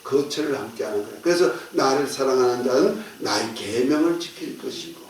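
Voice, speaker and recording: A pastor preaches in a church sanctuary in a mid-range voice, fairly quick, with lively intonation. Folksy and joking, he leads the congregation in call and response. The distant mic picks up an echoey church hall.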